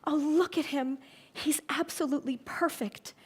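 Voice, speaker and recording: A passionate young farm girl from a storybook, fierce and tender-hearted, as a woman reads her aloud. Her voice lifts higher and louder than the reader's usual tone. She draws her words out slowly and pleadingly. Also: steady tone, natural voice. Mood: hushed, tender. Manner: slowed, raised pleading delivery. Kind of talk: dramatic read-aloud of a storybook.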